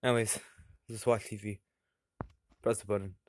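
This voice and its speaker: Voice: medium pitch, flat delivery, normal speed, darkish tone, dry recording, clean studio sound, close to an everyday voice. A performer voicing a dim-witted, laid-back male chef puppet in a plush comedy sketch, mumbling and trailing off hesitantly.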